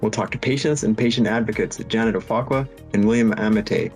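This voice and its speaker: A man hosting a medical podcast, smoothly reading a scripted introduction. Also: fairly low pitch, a little fast, soft background music. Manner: smooth, read-from-script delivery. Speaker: podcast host.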